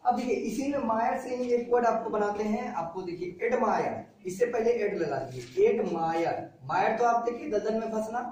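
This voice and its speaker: A man's voice: high voice, a little mellow. A man teaching vocabulary to a class, repeating each word and its meaning and quizzing his students. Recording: very echoey classroom from far off.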